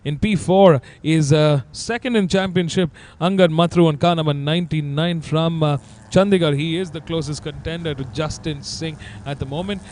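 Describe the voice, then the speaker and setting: Indian male race commentator, slightly high voice. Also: moderate pace, a little mellow. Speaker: motorsport commentator. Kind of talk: live race broadcast commentary.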